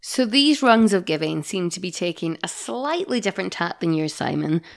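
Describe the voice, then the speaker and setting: A female podcast co-host chats in a casual way and teases her partner playfully. Her voice sits low for a woman and carries a gravelly fry. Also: very animated, normal speed. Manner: teasing, playful.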